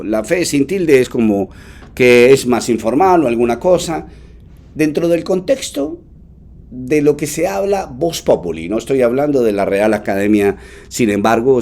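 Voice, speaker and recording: A man's voice: medium pitch, a little mellow. A man, preaching a sermon to his congregation. He leans hard on words for emphasis, talks fondly to his listeners and has them repeat lines after him. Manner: affectionate asides to the congregation. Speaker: pastor.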